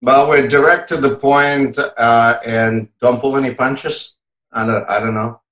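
A man's voice: mid-range voice, fairly even intonation, unhurried, a bit bright. Echoey male co-host in casual banter. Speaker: podcast co-host. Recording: echoey, roomy sound.

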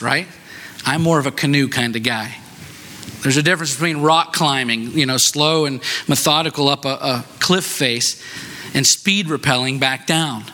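Bright-voiced male pastor telling a story. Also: mid-range voice. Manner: conversational, self-deprecating storyteller who asks "right?". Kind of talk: sermon with personal storytelling.

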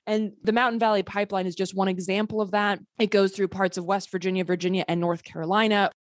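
A woman's voice: medium pitch, steady tone, fast talker, no room sound, clean studio sound. A woman partly raised in Sweden, speaking as an interview guest in a passionate, sarcastic way. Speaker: guest, filmmaker. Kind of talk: political interview.

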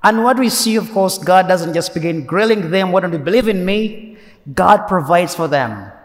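High-voiced priest in cathedral echo. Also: male voice, animated, normal speed. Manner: earnest, emphatic, repeats key phrases. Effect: cathedral echo, long church reverb. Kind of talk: Sunday homily. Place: large church. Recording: long echo of a large church.

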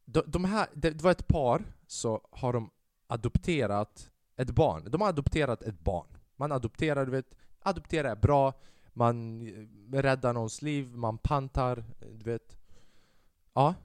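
Rambling through a casual solo episode of his own podcast, a young man pokes fun at himself, swears often, and drops in English phrases. He has a mid-range, darkish voice, recorded dry with studio quality.

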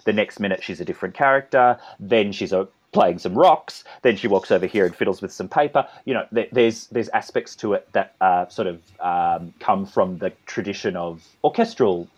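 A man's voice: on the low side, moderate pace, hardly any pauses, highs cut off. A man with an Australian accent, a composer and conductor talking as a guest in an interview, rambling with many restarts and asides. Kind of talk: conversational interview.

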